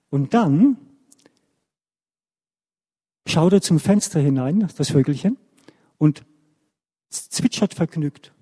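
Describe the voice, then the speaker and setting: A man tells a story to children in church. He is animated and keeps checking in with his young listeners. His voice sits fairly high but mellow, with a long reverb trailing off the church walls. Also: breathy edge.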